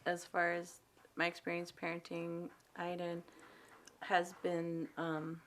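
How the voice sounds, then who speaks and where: A soft-spoken, reflective woman talks about raising her son in a documentary interview. Her voice is low-pitched and quite flat in melody. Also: slow pace, slight background noise. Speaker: mother interviewed about parenting.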